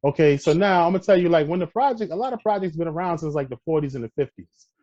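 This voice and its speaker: Brooklyn guy w new york accent, high pitched, keeps saying all right, kinda muffled lo-fi audio. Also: animated, fast talker, mellow. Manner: emphatic, peppers points with "all right" and "you know what I mean". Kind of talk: casual podcast conversation.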